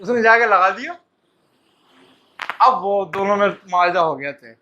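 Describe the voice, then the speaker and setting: A man with a very high, bright voice tells a religious story to his listeners in a loose, casual way. He slips into the voices of the story's figures as he speaks. The recording sounds dull and lo-fi. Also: a little hiss or hum. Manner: casual, acts out dialogue with quick voice shifts. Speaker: Sufi teacher telling a story. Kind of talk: storytelling talk to disciples.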